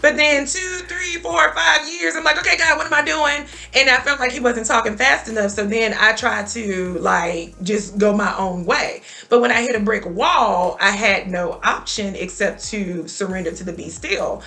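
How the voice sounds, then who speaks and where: A woman's voice: a little high, moderate pace, gravelly, hardly any pauses, pushed and bright, faint music behind. A woman in her thirties talking earnestly about faith and telling her own story as a guest on a talk show. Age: 30s.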